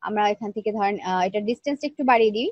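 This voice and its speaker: Woman, soft-spoken and feeling weak, online design teacher, dull dry low-fi audio. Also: racing, dry recording. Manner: plain step-by-step explaining, checks in with students. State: feeling weak, speaking softly. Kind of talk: live screen-share tutorial.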